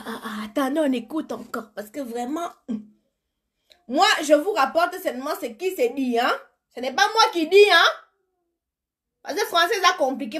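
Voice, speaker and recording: A woman with a very high voice tells stories to her live audience. Her tone is bright and forceful, playful and gossipy, and she repeats words while mimicking the people she talks about. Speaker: live streamer commenting on news. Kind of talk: animated storytelling chat.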